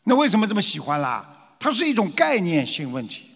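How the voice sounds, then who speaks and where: Man, lecture, animated, rhetorical questions, acts out scared voices, lively pitch. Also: a little fast, big-room sound. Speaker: teacher of traditional culture. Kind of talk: lecture to an audience.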